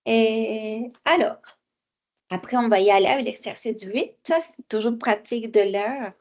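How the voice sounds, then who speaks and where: A woman teaching French at an unhurried, deliberate pace. She explains exercises patiently, repeats each phrase and now and then slips into for her students. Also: on the high side, steady tone, darkish tone. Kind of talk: online language lesson, explaining exercises.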